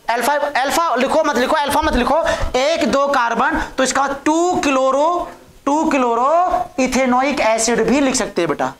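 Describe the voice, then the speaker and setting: A high-voiced woman speaks at a measured pace while teaching a chemistry class. She draws her students in with questions that she goes on to answer herself, and the room is echoey.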